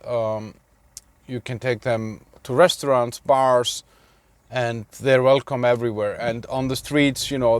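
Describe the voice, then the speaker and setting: A man's voice: medium pitch, darkish tone, no room sound. A man from Iceland talking casually in a vlog, rambling with many fillers and restarts, sitting in a car. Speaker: vlogger.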